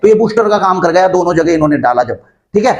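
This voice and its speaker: A man's voice: high-pitched, animated, fast talker. A man hosting an online channel, explaining rules to viewers in a chatty, conversational way, often calling them friends. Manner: chatty, addresses viewers as friends, frequent fillers and restarts. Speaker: YouTube channel host explaining army pension rules.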